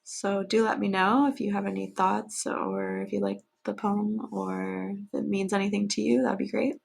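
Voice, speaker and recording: A woman's voice: mid-range voice, little pitch movement, moderate pace, gravelly, breathy edge. A woman podcaster chatting casually and then reading her own poem aloud, with a self-deprecating manner. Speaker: podcast host and poet. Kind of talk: casual chat and poetry reading.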